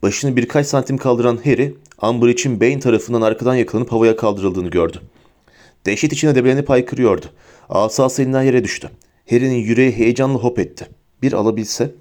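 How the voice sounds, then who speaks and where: A man narrating a fantasy story as an audiobook reader, steady and vivid. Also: medium pitch, a little fast. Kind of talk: storybook reading.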